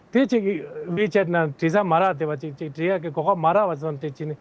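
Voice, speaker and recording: A man's voice: fairly high pitch, darkish tone, lo-fi sound. A man who is a political candidate, giving long, earnest answers as an interview guest. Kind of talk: answering interview questions at length.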